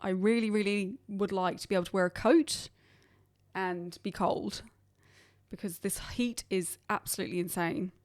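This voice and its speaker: A woman's voice: mid-range voice, steady tone, moderate pace, no echo. Chatty young Englishwoman, dry close sound. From England. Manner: rambling, chatty, self-deprecating. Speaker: podcast host. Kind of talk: casual solo chat. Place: hot humid region, indoors.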